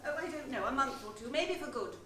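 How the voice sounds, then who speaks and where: A woman's voice: high-pitched, animated, quick pace. An actress playing a composed, firm English woman parting from a lover, recorded on stage in an echoey hall from a distance. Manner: firm, composed, gently scolding. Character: genteel English woman leaving by train, firm. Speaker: stage actor. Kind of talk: amateur stage comedy acting. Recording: echoey hall, far mic, noisy.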